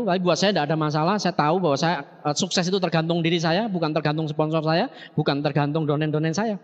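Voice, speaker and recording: A man giving an energetic seminar speech on stage, constantly addressing his audience and joking as he tells stories. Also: fairly high pitch. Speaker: motivational speaker at a business seminar. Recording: dull lo-fi tape in an echoey hall.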